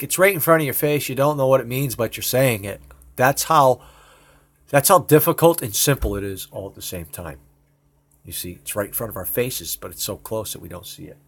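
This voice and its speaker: A man's voice: mid-range voice, brisk, husky. Profane, rambling man at his computer. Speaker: video host. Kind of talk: casual screen-share video.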